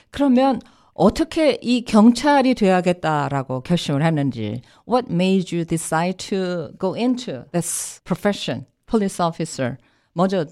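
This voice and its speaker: A woman's voice: fairly low pitch, a little mellow. A woman hosting a bilingual studio radio interview, repeating and translating what her guests say.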